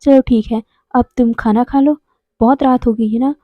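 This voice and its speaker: A woman voicing a gentle, motherly middle-aged woman in a storybook retelling, speaking softly and coaxingly. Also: a little high, fairly even intonation, normal speed, no echo, phone-quality sound, natural voice. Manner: soft, coaxing.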